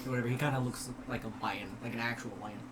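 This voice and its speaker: A man's voice: medium pitch, steady tone, rapid-fire, crowd noise, rough recording. A man narrating a tabletop game as game master, hesitant with many fillers. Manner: hesitant, many ums and restarts.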